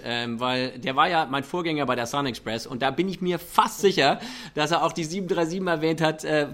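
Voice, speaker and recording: A man's voice: on the high side, fairly bright tone. A man who speaks German with a slight American accent, answering interview questions as an executive in a hesitant way, dropping in English business terms. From Germany and the United States. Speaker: airline chief executive.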